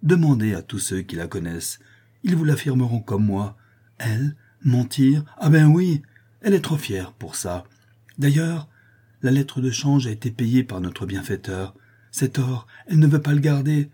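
A man's voice: medium pitch, animated, moderate pace, dark tone, slightly rough, pitched above the performer's own voice. Man voicing a distraught old artisan father. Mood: insistent. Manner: pleading, agitated, raised voice.

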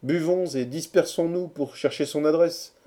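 A man's voice: fairly high pitch, moderate pace, mellow, voice pushed up, close to an everyday voice. A man voicing a boisterous group of young male friends in a storybook reading, teasing and mocking.

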